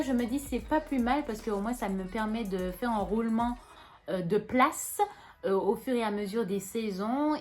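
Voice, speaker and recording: A chatty young woman with a lilt talks through her houseplants in a relaxed vlog. She rambles, restarts her sentences and leans on fillers, at a middle pitch, with faint music in the background. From Martinique. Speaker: plant vlogger. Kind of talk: casual show-and-tell vlog.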